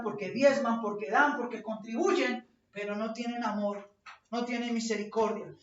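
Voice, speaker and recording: A woman preacher delivering an impassioned sermon, rising to shouts when she quotes scripture. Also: a little high. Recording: echoey distant lo-fi church recording.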